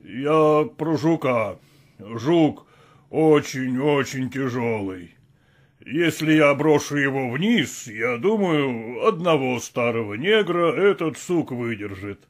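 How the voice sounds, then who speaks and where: A man voicing an old male servant who is timid and grumbling, talking in a slow, drawn-out, plaintive way. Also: medium pitch, expressive. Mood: wary. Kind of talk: audiobook character voice.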